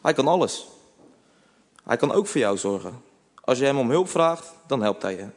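A man voicing a kind, caring churchgoing woman in a children's storybook reading, his voice raised and soft. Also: mid-range voice, very animated, moderate pace. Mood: kindly. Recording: long reverb.

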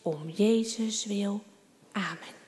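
A woman's voice: mid-range voice, slow, long reverb tail, voice pushed down, natural voice. A woman voicing a thoughtful, earnest little boy in a children's story read aloud. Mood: prayerful. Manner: soft, earnest boy's voice.

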